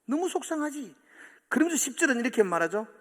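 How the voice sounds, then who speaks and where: A man preaching a sermon as pastor, animated, acting out quoted voices with sudden swings from loud to soft. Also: extremely high pitch, quick pace. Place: church sanctuary. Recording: long church hall reverb.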